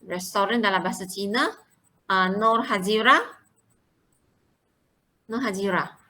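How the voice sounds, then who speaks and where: A woman teaching a Mandarin lesson, drilling pronunciation and repeating words slowly and clearly for her students. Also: mid-range voice, sharp tone, poor audio.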